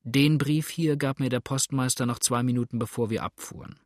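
A man voicing a scarred, dutiful boatman who reports quietly. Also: medium pitch, fairly even intonation, fairly quick, no echo, clean studio sound, close to an everyday voice.

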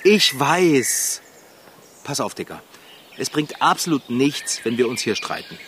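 A man voicing an excitable, soft-hearted bike mechanic in a children's radio play, talking emotionally and quickly crying out. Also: medium pitch, slight background noise. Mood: pleading.

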